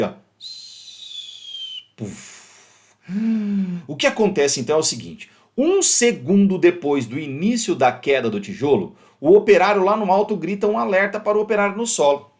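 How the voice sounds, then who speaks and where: A man with a Brazilian Portuguese accent, a physics teacher explaining exam problems in a video lesson, lively and animated, acting out little scenes. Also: on the high side. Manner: lively, animated, acts out shouts in the example.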